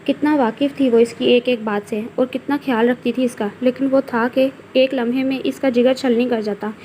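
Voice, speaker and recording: A woman reading a novel aloud, narrating in a steady storytelling manner. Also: on the high side, normal speed, slight background noise.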